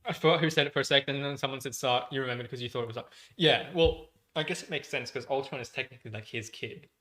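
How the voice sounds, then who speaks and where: A man's voice: mid-range voice, fast talker, pushed and bright. A man co-hosting a casual podcast livestream, chatty, laughing often and swearing casually. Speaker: podcast co-host.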